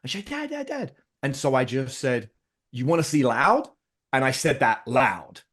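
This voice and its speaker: With a medium pitch, a fairly bright tone and a sing-song lilt, a middle-aged man talks at normal speed as a podcast guest. He's telling family stories in a casual conversation, animatedly performing his own lines and those of his children.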